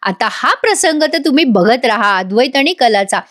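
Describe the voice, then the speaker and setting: A woman's voice: on the high side, big pitch swings, normal speed, fairly bright tone. A woman narrating a TV drama recap, chatty and opinionated, speaking directly to her viewers. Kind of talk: storytelling recap addressed to viewers.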